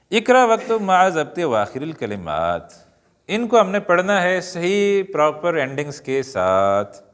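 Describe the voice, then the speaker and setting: Male teacher, slightly high voice, lively pitch, slow drawn-out reading, joking asides. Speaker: Arabic teacher. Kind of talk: classroom-style lesson. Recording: long hall reverb.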